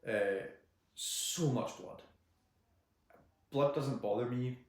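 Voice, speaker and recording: A man's voice: medium pitch, takes it slowly, darkish tone. A man co-hosting a podcast, talking casually with frequent restarts and dry wit. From United Kingdom. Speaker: podcast co-host. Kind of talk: casual film chat. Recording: echoey room.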